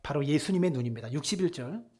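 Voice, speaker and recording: A male pastor preaching a Sunday sermon in a church, swinging between hushed soft lines and loud emphatic ones. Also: a little high, lively intonation, quick pace, slightly rough. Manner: acts out voices in retelling scenes.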